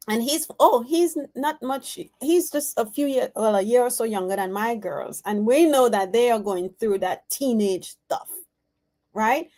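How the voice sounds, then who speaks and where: A woman's voice: fairly high pitch, a little mellow. A woman in her forties giving an intuitive card reading, talking earnestly and animatedly, often correcting herself mid-sentence. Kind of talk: casual spoken reading.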